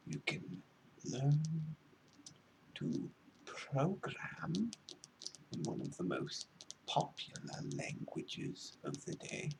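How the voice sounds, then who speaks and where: Whispered role-play: pretentious, needy male librarian played by a man, slow, swooping intonation, fussy wording, breathy half-whisper. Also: fairly high pitch, noisy background, heavily acted. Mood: pompous enthusiasm. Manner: pompous, halting, theatrically wordy. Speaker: ASMR role-play performer.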